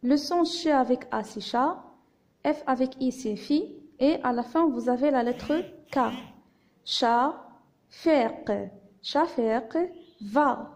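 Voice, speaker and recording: A woman teacher with a Moroccan accent, giving a slow phonics reading lesson to young children and patiently sounding out letters and syllables. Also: high-pitched, a little mellow. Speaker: primary school teacher.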